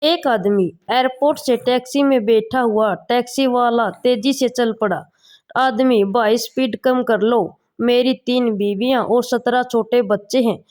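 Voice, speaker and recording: Woman, joke reader, fairly high voice, slow delivery, comedy channel. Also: fairly even intonation, a little mellow. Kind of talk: reading jokes aloud.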